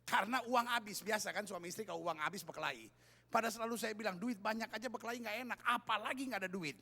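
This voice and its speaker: A man preaching a lively, joking sermon as pastor in a large church, acting out quoted voices. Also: high voice, fast talker.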